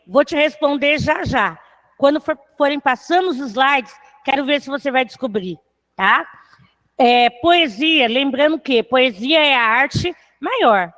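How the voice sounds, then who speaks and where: Woman, high-pitched, patient online literature teacher who checks in with students after most phrases. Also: a bit bright. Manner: counts syllables aloud slowly. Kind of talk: online class lecture.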